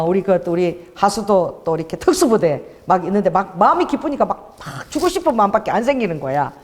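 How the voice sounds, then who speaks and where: A woman's voice: mid-range voice, a little mellow. A woman pastor preaching a sermon and telling a story with animation, often asking the congregation for an amen. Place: church worship hall. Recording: long hall reverb.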